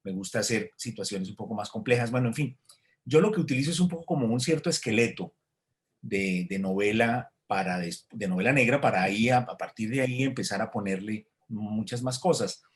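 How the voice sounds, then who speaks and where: Reflective, low-voiced man. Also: fairly quick. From Colombia. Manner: reflective, many hesitations and restarts. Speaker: author, interviewee. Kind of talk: thoughtful conversational answer.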